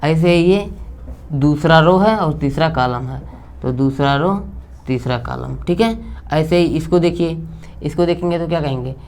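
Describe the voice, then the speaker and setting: A man's voice: fairly high pitch, normal speed, vocal fry, darkish tone. A young male math teacher giving a casual lesson at the board. He talks in a chatty, repetitive way, keeps checking that his students are following, and slips in jokes. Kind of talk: casual blackboard math lecture.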